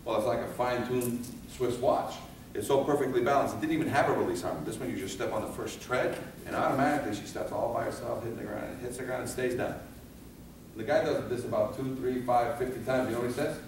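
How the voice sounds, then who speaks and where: Speaking fast at a medium pitch, a man teaches firefighters in a live fire safety training talk. He keeps questioning the room, then answers himself and acts out scenes in a range of voices. The recording is echoey, from far off, with some background noise.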